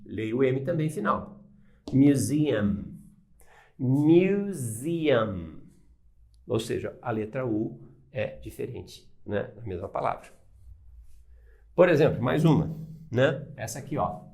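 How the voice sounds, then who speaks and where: A man's voice: mid-range voice, lively intonation, measured pace, creaky, a little mellow. A man with a Brazilian Portuguese accent, teaching an English lesson and explaining pronunciation step by step, often asking "né?" and pointing at words. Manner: pointing at words on a board or screen.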